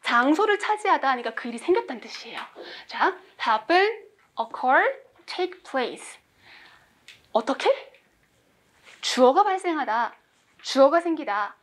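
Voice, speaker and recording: A woman's voice: high-pitched, big pitch swings, measured pace, long pauses. A woman in her forties teaching English vocabulary in class, quizzing students and making small jokes. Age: 40s. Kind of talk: classroom lecture.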